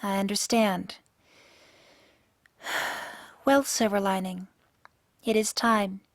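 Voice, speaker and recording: A woman's voice: mid-range voice, fairly even intonation, takes it slowly, no room sound, clean studio sound. A woman voicing a lonely, bitter pony princess of the night in a radio drama, speaking in formal, sorrowful diction. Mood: resentful, formal. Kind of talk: fan-made radio drama acting.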